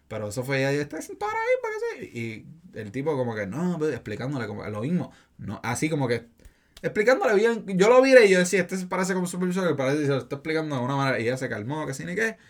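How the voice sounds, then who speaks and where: A young man, casually telling a story on a podcast in a slangy, rambling way full of fillers. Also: medium pitch. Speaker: podcast co-host.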